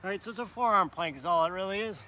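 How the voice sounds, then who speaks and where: Leading a live park workout, this fitness instructor has a high, bright, forceful voice and fires off words rapidly, with a little hiss or hum behind him. He coaches in an upbeat, encouraging way, does the exercises alongside everyone, and laughs at his own mistakes.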